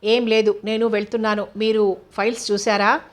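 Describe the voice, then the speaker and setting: A woman's voice: medium pitch, little pitch movement, moderate pace, close to an everyday voice. A woman voicing a friendly senior male police chief who asks familiar, easygoing questions in a storybook reading.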